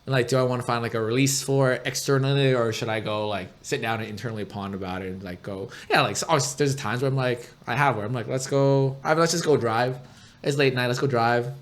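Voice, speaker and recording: A man's voice: mid-range voice, fast talker. A young man co-hosting a podcast, talking casually in a rambling, chatty way and laughing often. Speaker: podcast co-host. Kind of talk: casual chat.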